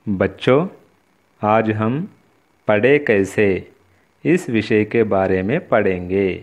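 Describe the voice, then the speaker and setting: A man teaching a recorded lesson to children, speaking slowly and deliberately and addressing the pupils often. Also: fairly low pitch. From India. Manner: slow, deliberate, repeats "बच्चों" to address pupils. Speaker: Hindi teacher.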